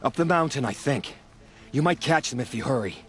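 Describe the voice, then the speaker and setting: A man playing an aggrieved, excitable herb gatherer in a video game, with a dramatic, indignant delivery. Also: medium pitch, brisk, a little hiss or hum, lightly acted. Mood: bitter warning. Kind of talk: video game dialogue acting.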